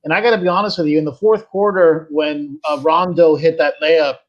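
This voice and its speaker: A man's voice: fairly high pitch, steady tone, brisk. A man chatting casually and emphatically about sports as a podcast guest. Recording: dull lo-fi remote microphone.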